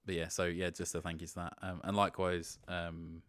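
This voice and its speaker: A man's voice: low-pitched, little pitch movement, a little fast, a bit bright, no room sound, studio quality. A man who organises a gaming club, chatting casually as a podcast guest, rambling and self-deprecating with frequent laughs. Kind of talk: casual interview chat.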